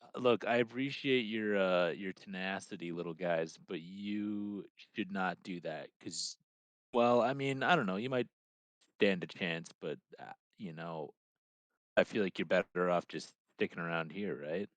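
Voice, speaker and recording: A man's voice: low voice, unhurried, no echo. A man playing a tabletop role-playing game, describing actions and talking in character in a laid-back, hesitant way.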